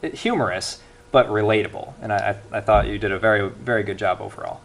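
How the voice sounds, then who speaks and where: A man's voice: fairly low pitch, steady tone, quick pace, creaky. A young man giving an earnest speech evaluation at a club meeting, with frequent restarts.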